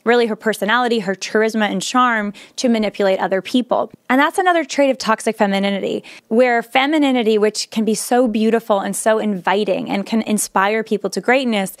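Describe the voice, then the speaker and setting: A woman's voice: fairly high pitch, brisk, hardly any pauses, no room sound, studio quality. A woman speaking earnestly, now and then restarting with fillers. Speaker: speaker sharing her views. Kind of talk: earnest monologue.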